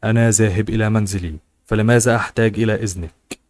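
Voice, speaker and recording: A man voicing a calm, proud young hero in an audiobook. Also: lowish voice, fast, no room sound, close to an everyday voice.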